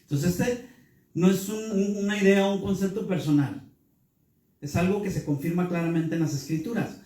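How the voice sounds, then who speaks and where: Echoey, distant pastor teaching. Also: male voice, high voice, steady tone, normal speed, warm tone. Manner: teaching, asks the room questions. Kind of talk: Bible class sermon. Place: church hall. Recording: echoey hall, speaker far from mic.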